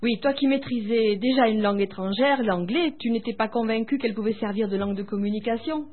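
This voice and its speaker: An interviewer asking short, prompting questions in a relaxed conversation, heard over a tinny phone line. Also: medium pitch, fast, slight background noise. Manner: brief prompting questions and acknowledgements.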